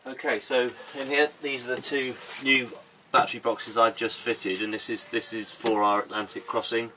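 A man's voice: mid-range voice, little pitch movement, moderate pace, bright, forceful tone. A man in his thirties casually explaining the gear in his sailboat's cabin, practical and plain-spoken. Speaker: boat owner giving a tour. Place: cramped boat cabin, indoors. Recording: slightly distant mic with faint background noise.

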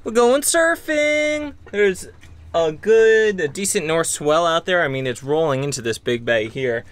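Young male sailing vlogger, relaxed and explanatory, handheld camera outdoors with clear boat noise. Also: a little high, unhurried. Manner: relaxed, explanatory, loose fillers. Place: aboard a sailboat at anchor, on deck and in cabin.

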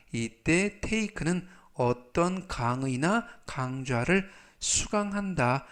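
A man teaches English vocabulary in a steady, scripted lesson. His voice sits a little high for a man. He speaks very slowly, drawing out each English word and repeating it before he explains it. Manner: reads English words slowly and repeats them, then glosses each in Korean.

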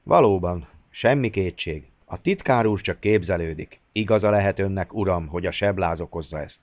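A man's voice: low voice, dry recording, muffled recording, lightly acted. A man voicing a courteous, sly Russian major. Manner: polite, gently ironic.

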